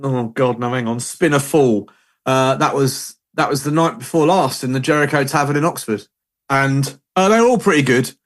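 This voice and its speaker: A man's voice: mid-range voice, normal speed. Rambling man telling anecdotes. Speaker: podcast host. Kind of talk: casual chat.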